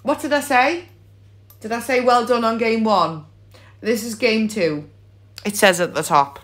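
British woman, bingo caller, high-pitched, slow delivery, playful, exclamatory, chatty with players. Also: a bit bright. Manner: playful, exclamatory, sing-song repetition of names and calls. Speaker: bingo caller and live stream host. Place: indoors at a table.

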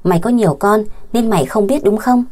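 Brief: woman reading as a hot-headed protective boyfriend in a storybook, rough and quick, mellow tone. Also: mid-range voice, natural voice. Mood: furious. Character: furious, protective young boyfriend.

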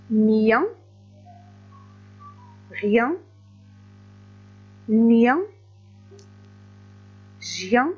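A woman teaching a recorded reading lesson to young pupils, stretching each word slowly and clearly with patient encouragement. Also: high-pitched, lo-fi sound. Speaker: primary school teacher.

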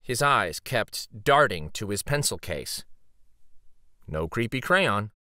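A man reading a children's picture book aloud as dramatic, suspenseful narration, with theatrical pauses and emphasis. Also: on the low side, big pitch swings, pushed and bright, no room sound, clean studio sound.

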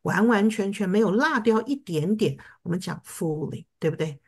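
A woman's voice: mid-range voice, expressive, moderate pace, darkish tone, slightly rough. A woman teaching English vocabulary to a class, explaining patiently and often checking that students follow. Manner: patient, checks understanding with repeated questions.

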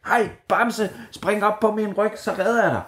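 A tiny, brave storybook blue tit chirps in a high, bright squeak. The little bird talks in bold, excited bursts, eager to rescue its friends. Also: male voice.

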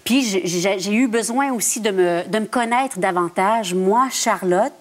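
A woman's voice: medium pitch, a little slow. Thoughtful woman being interviewed. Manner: thoughtful, searching for words. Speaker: actress guest. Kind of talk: reflective interview talk.

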